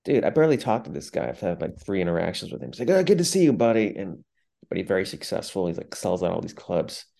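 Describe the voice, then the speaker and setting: Man, lowish voice, candid storyteller, casual chat. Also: expressive, quick pace, creaky, dark tone.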